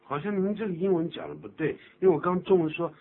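A man's voice: on the high side, fast, vocal fry. A man hosting a radio English lesson, explaining patiently and joking as he exaggerates pronunciation. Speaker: English teacher and program host. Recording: tinny phone-like radio recording with faint hum.

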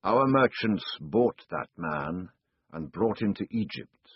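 A man voicing a cold, solemn old male desert chieftain who speaks slowly and gravely, with a dull, dry recording. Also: deep voice, lively intonation, no echo, full character voice. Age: older. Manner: slow, grave, deliberate. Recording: dull, dry studio sound.

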